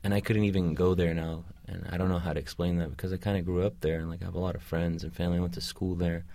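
A young man, a podcast guest, talking haltingly in a casual discussion with many restarts and fillers. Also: low voice, level tone, creaky, dark tone, no room sound. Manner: hesitant, restarting, lots of "like".

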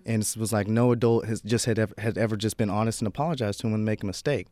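A male teacher, appearing as a guest in a casual conversation, tells a heartfelt story from his classroom with lots of restarts. His fairly low, darkish voice stays steady in tone while he talks very fast, with no echo.

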